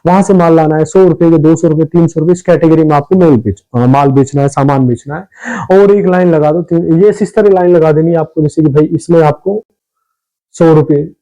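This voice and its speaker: Male host for a tips video: rushed, repetitive, chatty delivery, warm dark tone. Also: fairly high pitch, low-quality recording. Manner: rapid, repetitive, addresses viewers as brother. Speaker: business ideas channel host. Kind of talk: casual advice talk to camera.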